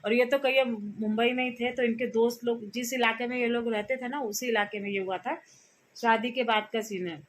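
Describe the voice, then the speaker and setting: A woman's voice: a little high, steady tone, normal speed, a little hiss or hum. A woman vlogger in her thirties telling a rambling personal story to her viewers in a casual, chatty way. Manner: chatty, rambling, frequent fillers and restarts.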